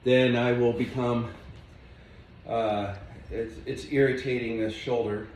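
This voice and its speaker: A man guiding a yoga flow as he does it, giving relaxed, chatty cues with small asides. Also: mid-range voice, slow, a little hiss or hum. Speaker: yoga instructor. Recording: echoey room, mic at a distance.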